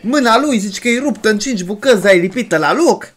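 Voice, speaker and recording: Brief: male reaction host, exclaims and jokes a lot, animated voice. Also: high-pitched. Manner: excitable, exclaiming, joking. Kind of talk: casual reaction commentary.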